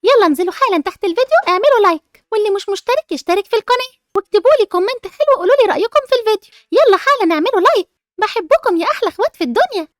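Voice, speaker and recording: A chirpy, upbeat Egyptian teenage girl with a very high voice, voiced by a woman. She speaks very fast, recorded close and dry. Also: expressive, no room sound. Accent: Egyptian Arabic. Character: cheerful, cool-headed teen girl.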